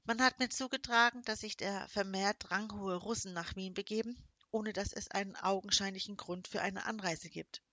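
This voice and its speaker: A woman's voice: mid-range voice, fairly even intonation, normal speed, bright, forceful tone, dry recording, lightly acted. A woman voicing a smug, menacing middle-aged nobleman with a silky, mocking, condescending manner. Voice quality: croaking when pained.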